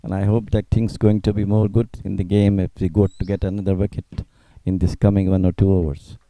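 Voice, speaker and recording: Guy cricket co-commentator giving his analysis, really mellow lowish voice, agreeable, emphatic, simple non-native phrasing. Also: little pitch movement, a little fast, slight background noise, low-quality recording. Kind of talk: conversational expert cricket commentary.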